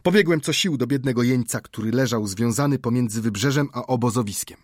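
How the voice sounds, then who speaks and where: A man reading an adventure novel aloud as an audiobook narrator, in a measured, dramatic storytelling manner. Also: medium pitch, no room sound, studio quality.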